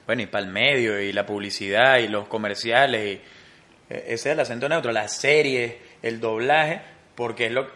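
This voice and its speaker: A man's voice: mid-range voice, moderate pace, sharp tone. A man, co-hosting a casual podcast chat, joking and slangy, fond of repeating phrases for comic effect. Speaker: podcast co-host.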